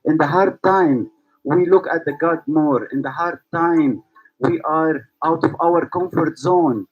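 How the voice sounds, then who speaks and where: The founder and host of a yoga school, a man from Syria, addresses online viewers in a reflective way, repeatedly asking rhetorical questions. He speaks at a fairly high pitch, a bit slowly and huskily, on a muffled recording.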